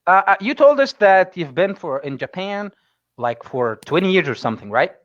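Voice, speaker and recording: An Egyptian man with Arabic as his first language hosts in English, often pausing to hunt for the right word. His voice runs high and swings widely in pitch. The sound is close and dry, but dull and lo-fi. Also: sing-song, no echo. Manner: hesitant, searches for words with many fillers. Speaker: host and English instructor. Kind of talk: interview questions.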